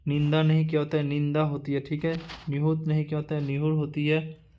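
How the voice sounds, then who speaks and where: A male teacher running an exam-prep lesson, reading through a word list in a repetitive drilling way with halting restarts. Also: on the high side, completely flat delivery, highs cut off.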